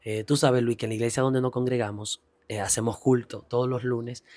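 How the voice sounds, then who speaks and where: Regular-pitched guy telling his church testimony, earnest, gets preachy, dry sound. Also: level tone, fairly quick, a little mellow, no echo. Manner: earnest, rising into preacher-like emphasis. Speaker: guest giving a testimony. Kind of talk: personal testimony, preaching cadence.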